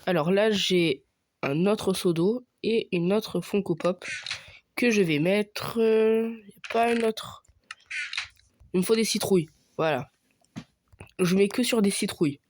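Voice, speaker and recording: A man's voice: sits high, slow, pauses often, slight background noise. A young man giving casual commentary over his own gameplay, thinking aloud with many hesitations and fillers. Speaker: gaming youtuber.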